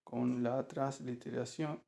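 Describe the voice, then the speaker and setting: A man reading a nonfiction audiobook aloud in a measured, careful narration. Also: medium pitch, little pitch movement, vocal fry, dark tone.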